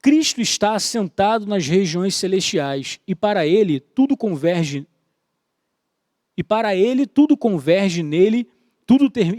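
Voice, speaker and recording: A man teaching a church Bible study lesson in a conversational way, checking in with his listeners and slowing down to stress key points. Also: high voice, darkish tone, dry recording, studio quality. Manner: conversational, frequent tag questions "né?" and "tá?"; slows down to stress key words. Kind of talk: Sunday school Bible lesson.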